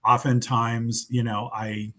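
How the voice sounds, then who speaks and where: Male webinar host, mid-pitched, casual and unpolished, lots of ums, video call. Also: flat delivery, takes it slowly, fairly bright tone. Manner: informal, loose, with many fillers. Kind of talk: webinar presentation.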